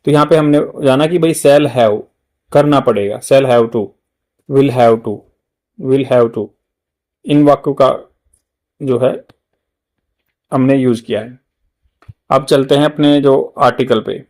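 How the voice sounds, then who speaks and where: Slow-drilling Indian English teacher, man. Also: mid-range voice, darkish tone. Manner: slow, repeats words to drill pronunciation. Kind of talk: exam-prep grammar lesson.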